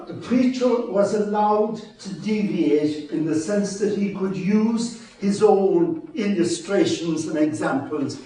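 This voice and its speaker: A man's voice: sits high, warm tone. Echoey West of Ireland man in his seventies. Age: 70s. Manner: wry, self-deprecating, chuckling storyteller. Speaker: retired mission priest, guest speaker. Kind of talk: informal public talk with anecdotes. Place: large echoey room before an audience. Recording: echoey hall, distant microphone.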